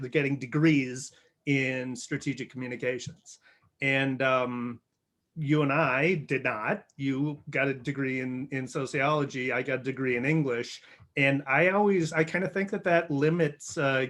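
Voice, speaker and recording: A man hosting an interview show, friendly and halting, often restarting his questions. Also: on the high side. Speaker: podcast host.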